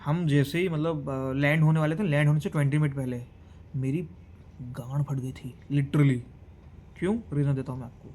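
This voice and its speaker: A young man from Gujarat telling a travel story in a casual vlog, animated, switching between Hindi and English. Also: a little high, normal speed, a little hiss or hum. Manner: animated, mixes Hindi and English, mimics others. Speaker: vlogger.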